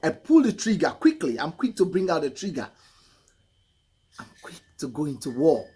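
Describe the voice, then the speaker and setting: A middle-aged man with a husky voice, reacting to a song in casual commentary and repeating phrases for emphasis. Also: on the high side, big pitch swings, moderate pace, mellow. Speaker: music reaction host. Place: indoor room, photo-covered wall. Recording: music playing faintly behind. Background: hip hop song.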